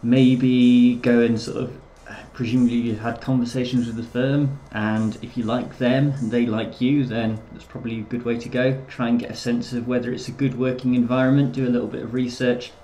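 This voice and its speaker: A man on a live stream chatting casually with viewers, halting and full of filler words. His voice is mid-pitched, and the room around him is echoey with a faint hum behind. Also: little pitch movement, warm tone. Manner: hesitant, many fillers.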